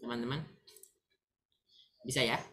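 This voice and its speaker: A woman giving a casual online English lesson, chatting to viewers as friends and explaining slowly with examples. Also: very deep voice, steady tone, fairly bright tone. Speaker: English teacher.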